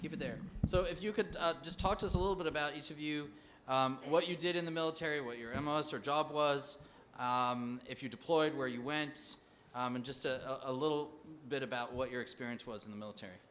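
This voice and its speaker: A man's voice: on the high side, brisk, fairly bright tone, slight background noise. A man moderating a panel discussion, speaking conversationally with frequent fillers. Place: conference hall.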